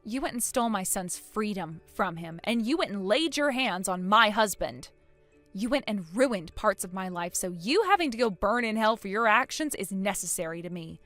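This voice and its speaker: A woman performs a fiercely protective, outspoken, emotional mother of a young son in a melodramatic audio story, speaking earnestly and with emphasis in a cold, scornful mood. Her mid-range voice is natural, expressive, and a bit bright, at a moderate pace, with faint music in the background.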